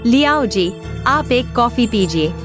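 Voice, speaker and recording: A woman's voice: a little high, animated, slow pace. A woman dubbing a frustrated young office worker in a TV drama, bitter and defensive. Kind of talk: Hindi dub of a TV drama. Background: music.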